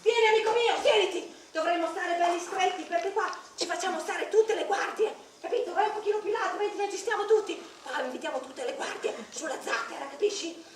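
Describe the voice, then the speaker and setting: A woman's voice: extremely high pitch, fairly quick, hardly any pauses. An actress playing a playful, scheming female clown on stage, chatty and coaxing her listener. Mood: playful storytelling. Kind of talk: live tragicomic stage performance. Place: large old hall or castle venue. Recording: echoey, distant live stage recording with noise.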